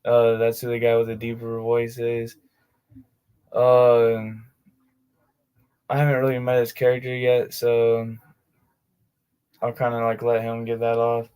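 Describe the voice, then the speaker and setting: Flat-toned, laid-back male streamer. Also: mid-range voice, unhurried, long pauses, clear, resonant tone. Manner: laid-back slangy talk full of "like" fillers. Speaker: streamer of his own tabletop game sessions. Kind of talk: casual livestream chat.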